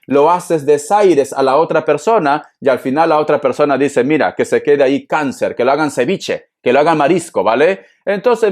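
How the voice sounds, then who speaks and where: A man with a somewhat high voice reads tarot cards in a loose, joking way. He showers the listener with pet names and cheerful asides. His voice sounds a bit strained from the cold air. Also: darkish tone. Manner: affectionate, playful, calls the listener pet names; sings snatches of songs and jokes. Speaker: tarot reader. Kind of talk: casual tarot reading for viewers.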